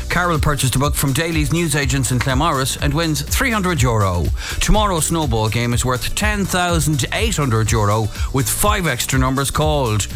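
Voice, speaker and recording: A man's voice: on the high side, fairly bright tone. A man with an Irish accent calling scripted bingo announcements on the radio. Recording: music bed under voice. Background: music.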